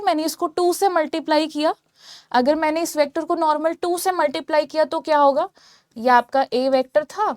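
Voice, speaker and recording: This is a whiteboard physics lecture given in a blend of Hindi and English by a woman who explains each step and often makes sure her audience keeps up. She is high-pitched, and the clean studio audio has no echo.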